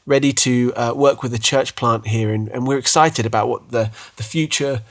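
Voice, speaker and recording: A British man in his thirties co-hosts a casual faith podcast with his wife, speaking at normal speed in a steady, middling-pitched voice. He tells his story chattily, often stumbling into small restarts and joking at his own expense.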